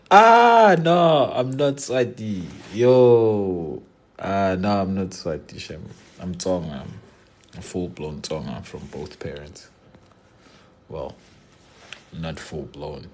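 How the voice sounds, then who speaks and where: Speaking in a deep voice with slight background noise, a young man from Limpopo, South Africa, chats casually on a live stream. He answers viewers, cracks jokes, and blends Zulu slang into his English.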